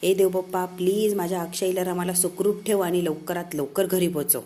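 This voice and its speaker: A worried middle-aged mother pleads and frets over her son in a mellow voice, as a woman retelling a TV serial puts her on. She sounds anxious and earnest. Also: fairly low pitch, fairly even intonation, normal speed, close to an everyday voice. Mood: fretful. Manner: fretful, pleading.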